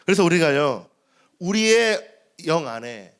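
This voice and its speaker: A man's voice: fairly high pitch, big pitch swings, unhurried, fairly bright tone, clear, resonant tone. A male pastor in his thirties preaching a sermon in a church, asking the congregation questions and answering them himself. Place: church sanctuary.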